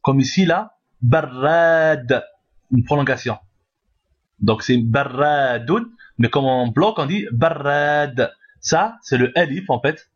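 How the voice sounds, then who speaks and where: A man's voice: mid-range voice, slow pace, dull audio. A man teaching a step-by-step language lesson, patiently repeating each word and checking that the listener follows. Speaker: Arabic teacher.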